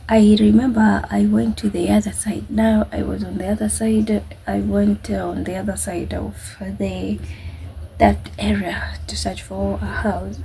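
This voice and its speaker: A woman vlogger with a Kenyan accent tells personal stories casually to camera in a halting, chatty way. Her warm voice is ordinary in pitch with a noticeable creak, heard over faint background noise on a low-quality recording.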